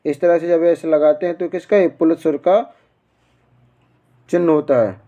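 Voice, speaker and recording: Male teacher, high, warm voice; drills students with questions he answers himself. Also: steady tone, normal speed, dull audio. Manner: quizzing, repeats answers, asks and answers own questions. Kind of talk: exam-prep grammar lesson.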